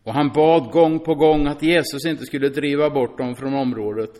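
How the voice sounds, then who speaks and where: A man preaching a sermon, reading scripture aloud and commenting on it in a chatty way, often asking his listeners "va?". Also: fairly high pitch. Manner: lively, swings from loud exclamations to hushed asides.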